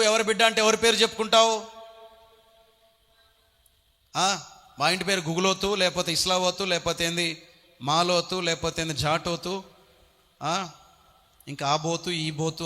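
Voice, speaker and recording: A man preaching a sermon as pastor, swinging from quiet talk to shouted appeals. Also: on the high side, in a large hall.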